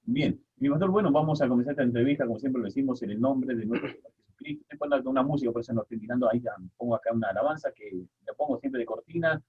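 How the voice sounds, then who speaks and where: Husky man on a phone-thin line. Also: medium pitch, rapid-fire, few pauses, phone-quality sound. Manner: formal, reverent, addresses guest as "mi pastor". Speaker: radio host. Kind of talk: radio interview.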